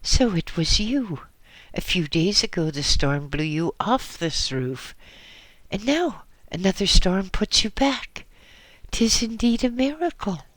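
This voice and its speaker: A man voicing a simple, excitable old monk who sweeps the temples and shrieks in amazement. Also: fairly high pitch, takes it slowly, no room sound. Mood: amazed.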